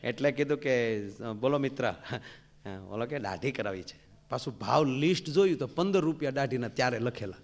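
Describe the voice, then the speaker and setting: A man's voice: medium pitch, a little fast, vocal fry. A man, a folk comedian, telling jokes on stage and acting out the characters. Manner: animated, acts out characters, big loud swings. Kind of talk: live stand-up storytelling.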